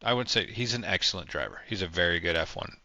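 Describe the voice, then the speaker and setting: A man's voice: low-pitched, lively intonation, quick pace, pushed and bright, no echo, muffled recording. A man co-hosting a casual sports podcast, giving blunt, emphatic opinions. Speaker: podcast co-host. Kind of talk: casual chat.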